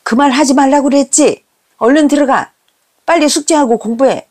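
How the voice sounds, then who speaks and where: A woman voicing a strict middle-aged mother who scolds her children with sharp, reproachful questions. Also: mid-range voice, sing-song, a little slow. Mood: scolding.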